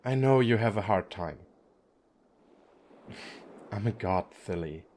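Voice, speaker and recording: In an ASMR roleplay, a man voices a young femboy sea god who is gentle and tired. His voice is low, soft and slow, kind and hesitant with a playful edge, and his intimate delivery is full of pauses and small chuckles. He is animated, the mood is soft and sincere, and there's slight background noise.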